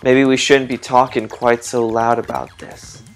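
A man reading as a hushed country detective girl. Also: medium pitch, level tone, a little slow, soft background music, lightly acted. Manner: hushed, conspiratorial, read in his own voice.

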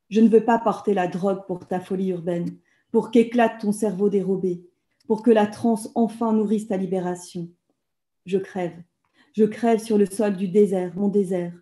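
Woman reading poetry with a dark, mellow voice. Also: mid-range voice. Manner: intense, rhythmic incantatory delivery. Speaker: author reading her work. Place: home room with bookshelves. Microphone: video call laptop mic.

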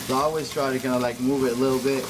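A man in his thirties from Morocco, a restaurant chef, explaining his cooking calmly with frequent hesitations on a lapel mic. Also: medium pitch, very fast. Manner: calm, agreeable, with frequent "uh". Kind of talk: casual explanation while cooking. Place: restaurant kitchen with sizzling pans. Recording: kitchen noise and frying sizzle.

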